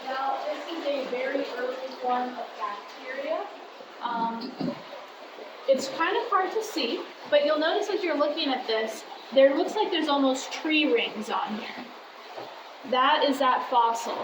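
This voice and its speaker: A woman's voice: sits high, unhurried. A woman working as a cave tour guide, chatting informally and jokily to a group as she explains and tells stories. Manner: chatty, jokey, addressing a group. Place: inside a cavern. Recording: echoey cave, distant mic, clear background noise.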